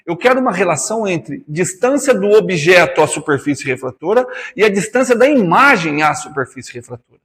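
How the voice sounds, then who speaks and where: A man's voice: high voice, sing-song, a little fast, fairly bright tone, long reverb tail. A man teaching physics in a classroom lecture with a Brazilian Portuguese accent, chatty and teasing, calling students by nicknames.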